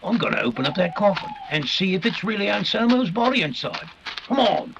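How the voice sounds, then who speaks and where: Man playing a creaky, blunt police inspector. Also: high-pitched, sing-song, brisk, heavily acted. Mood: determined. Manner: blunt, colloquial working-class speech. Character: gruff, determined male police inspector. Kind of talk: 1940s radio mystery acting. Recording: dull, clearly noisy live recording.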